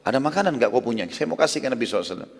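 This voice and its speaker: Brief: earnest, hurried man from an old story, quoted by a preacher; long reverb. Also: medium pitch, lively intonation, slightly rough. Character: male companion, eager and worried.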